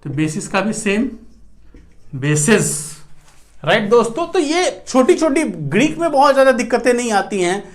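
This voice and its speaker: Indian male english teacher, high voice, mixes hindi and english, says "right" a lot. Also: very animated, brisk, hardly any pauses. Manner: mixes Hindi and English, keeps asking "right" and calling viewers friends. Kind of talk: classroom grammar lecture.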